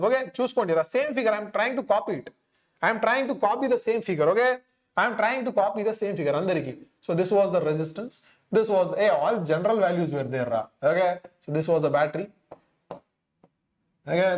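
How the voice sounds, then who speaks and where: A man with a Telugu Indian accent, a native Telugu speaker, teaching an exam-coaching lesson, working through sums aloud, repeating phrases and prompting students with questions. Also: high-pitched. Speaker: physics teacher.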